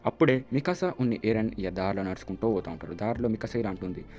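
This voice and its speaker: A man's voice: fairly low pitch, expressive, quick pace, darkish tone. A man telling an anime episode's story in a chatty way, acting out the characters' lines as he goes. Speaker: YouTube channel host. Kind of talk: casual anime episode recap.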